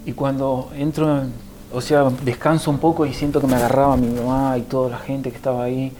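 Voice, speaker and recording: A man with a warm, mellow Rioplatense accent tells his conversion story as a guest on a program. He speaks with feeling, bringing the scenes to life and voicing the people in them. Soft music plays faintly in the background. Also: medium pitch, little pitch movement, brisk, poor audio. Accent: Rioplatense Spanish. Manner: emotional storytelling, acts out what others said. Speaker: guest giving a testimony. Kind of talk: personal conversion testimony.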